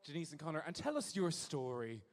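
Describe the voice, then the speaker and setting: A man's voice: on the high side, big pitch swings, a little fast. A man hosting a live show, doing playful, campy crowd work with a handheld mic in a large venue. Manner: playful, teasing, camp. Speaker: host. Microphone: handheld microphone. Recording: echoey hall.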